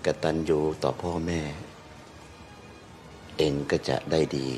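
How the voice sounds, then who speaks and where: A slow, deep-voiced old monk. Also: male voice, steady tone, darkish tone, soft background music. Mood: solemn. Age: older. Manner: slow, solemn blessing. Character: kindly old male monk giving blessings. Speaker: elderly monk.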